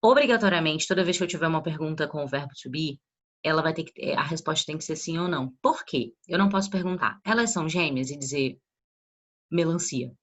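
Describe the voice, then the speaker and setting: Husky low-voiced Brazilian woman teaching. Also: quick pace, fairly bright tone. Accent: Brazilian Portuguese. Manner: checks understanding with frequent tag questions. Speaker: English teacher. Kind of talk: casual explanatory lesson.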